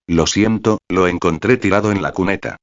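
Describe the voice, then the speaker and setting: A man's voice: low voice, normal speed, dry recording. A synthetic male voice reads the lines of a guarded, tired young refugee woman in a storybook. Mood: wary. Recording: dry, slightly dull lo-fi sound.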